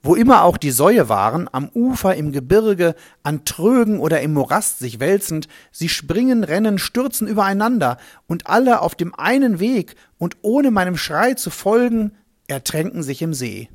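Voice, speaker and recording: A man's voice: mid-range voice, unhurried, no echo, studio quality. A man playing a humble swineherd storyteller. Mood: thoughtful. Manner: reflective, vivid, expressive. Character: humble male swineherd recalling a strange day. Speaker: first-person narrator. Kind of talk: dramatic storytelling monologue.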